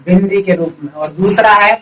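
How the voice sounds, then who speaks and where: A man with a high-pitched voice teaches a grammar class, setting out each point patiently. He often puts a question to his students and then gives the answer himself. He sounds set back from the microphone. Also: moderate pace, fairly bright tone, recorded from a distance, a little hiss or hum, poor audio. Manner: explains step by step, asks the students questions and answers them himself. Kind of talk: classroom-style lesson.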